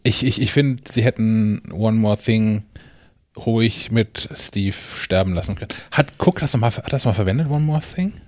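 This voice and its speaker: A man's voice: on the low side, normal speed, a little mellow, no echo. A man co-hosting a casual tech podcast, easygoing and often restarting his sentences. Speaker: podcast co-host.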